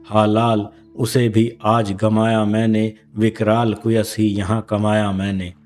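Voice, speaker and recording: A proud queen mother full of repentance, voiced by a man reciting a poem, speaks in solemn, measured verse. The voice sits low and dark, with a flat, unhurried delivery. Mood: remorseful.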